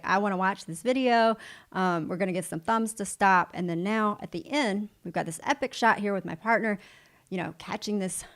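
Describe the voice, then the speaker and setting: A woman giving a livestream software tutorial, upbeat and encouraging, talking straight to the viewer as she walks through each step. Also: mid-range voice, gravelly. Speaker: video editing instructor.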